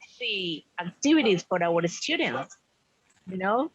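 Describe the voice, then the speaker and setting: A woman's voice: on the low side, very animated, moderate pace, slightly rough. A woman hosting a webinar over a video call, thanking the presenter and the audience effusively in casual talk. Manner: effusive, thanks people often. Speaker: webinar host. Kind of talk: casual online chat. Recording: dull lo-fi call audio with faint noise.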